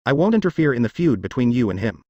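A man voicing a calm, all-powerful immortal lord who speaks in an unhurried, assured way. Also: mid-range voice, no echo, muffled recording.

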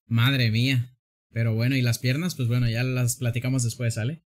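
A man's voice: medium pitch, flat delivery, normal speed. A man streaming a drawing game, joking, exclaiming and laughing often. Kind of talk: casual gameplay commentary.

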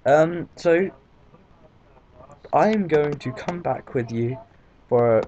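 A man's voice: on the high side, lively intonation, extremely slow, warm tone. A man with a British accent giving rambling, casual gameplay commentary, full of fillers and swearing. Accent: British English. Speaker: let's play commentator. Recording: dull lo-fi mic, faint background noise.

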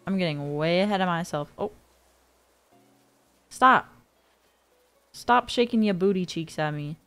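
Young woman chatting thru a cozy game, slow and easy, gets spooked easy, faint music under her. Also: fairly low pitch, expressive, a bit bright, clear, resonant tone. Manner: chatty, easily spooked, gasps and giggles. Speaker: gaming streamer. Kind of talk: casual gameplay commentary. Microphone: studio dynamic mic.

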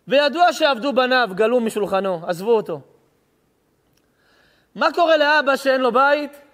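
A male rabbi preaches with passion, building his point through parables and rhetorical questions. His voice sits very high. The recording carries a long hall reverb. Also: a bit bright. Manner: impassioned storytelling, rhetorical questions. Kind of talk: sermon.

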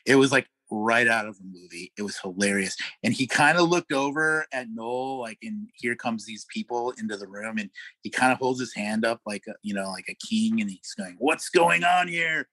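A middle-aged male musician with a dry, lowish voice tells animated anecdotes at a normal pace, laughing often and using plenty of fillers. He's a guest in a casual storytelling interview, and the recording is rough with no room sound.

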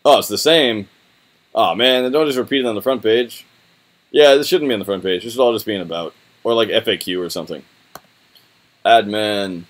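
Young man, lowish pitch, casual think-aloud reviewer, slangy, laid-back, rambling, indoor desk recording. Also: brisk. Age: young adult. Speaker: website reviewer. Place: small room indoors.

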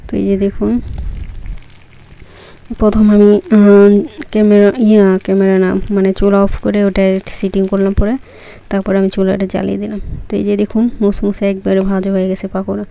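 Flat, mellow-voiced woman narrating her cooking. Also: mid-range voice, brisk, creaky. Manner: chatty, loose, fillers and restarts while cooking. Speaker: cooking vlogger. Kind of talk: casual cooking demonstration.

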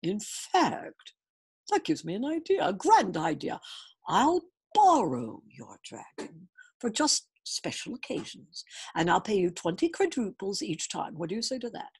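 A woman voicing a gruff, commanding male king in a storybook reading, with a loud, blustering manner. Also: medium pitch, very animated, a little slow, exaggerated voice. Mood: scheming.

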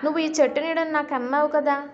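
A clever man who stays calm and sure of himself, as a woman teacher puts him on. He speaks evenly in a slightly raised voice. The recording sounds dull and lo-fi. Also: high voice, fast talker, pitched above the performer's own voice, close to an everyday voice. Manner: calm and even.

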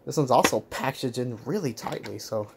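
A man chatting casually while unboxing toys, talking quickly and correcting himself as he goes. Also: mid-range voice, creaky, noisy background. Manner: rapid, rambling, self-correcting. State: out of breath. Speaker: toy unboxing vlogger.

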